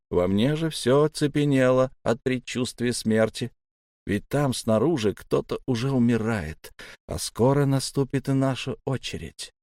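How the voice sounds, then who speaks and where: A man reads a novel aloud in the first person, measured and steady, at an ordinary middle pitch. The sound is dry and close to the mic, with no room around it. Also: no room sound. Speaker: audiobook narrator. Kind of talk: scripted first-person narration.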